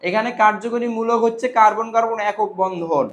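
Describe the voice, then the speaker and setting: A man with a high voice teaches a chemistry class, firing short questions at the students and repeating every answer back in a drill. A faint hiss of room noise sits under his voice. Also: a little fast, dull audio. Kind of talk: classroom lecture with call-and-response questions.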